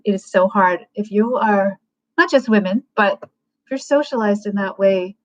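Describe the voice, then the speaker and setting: A woman hosting a livecast, giving frank, casual advice and thinking aloud with plenty of fillers. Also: medium pitch. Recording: dull lo-fi livecast audio.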